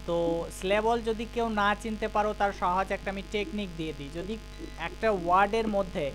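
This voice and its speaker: A man's voice: sits high, steady tone, brisk, a bit bright, soft background music. A man teaching a live online grammar class, explaining patiently step by step and quizzing his students.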